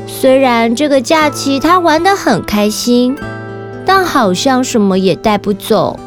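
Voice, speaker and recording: High-voiced Taiwanese Mandarin kids show host woman. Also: expressive, a little slow, faint music behind. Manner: kids show host manner, addressing little listeners directly. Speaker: children's story podcast host and narrator. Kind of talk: storytelling narration for children.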